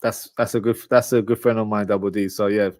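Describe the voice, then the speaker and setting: A Lahore-rooted Pakistani man who grew up speaking Urdu at home hosts a football podcast, chatting live and informally with viewers as he previews a match and reads their comments. His lowish voice stays level and a little mellow, moving slightly fast. The studio recording is clean with no echo.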